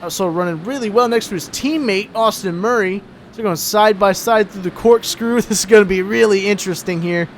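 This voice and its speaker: A man's voice: high-pitched, fairly quick, few pauses, slight background noise. A young man giving casual, laid-back commentary on a sim truck race, sounding tired between calls.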